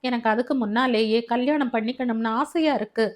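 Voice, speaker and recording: A woman voicing a calm, stubborn young man who questions his uncle coolly, in a storybook reading. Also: a little high, a little fast, natural voice. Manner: cool, questioning.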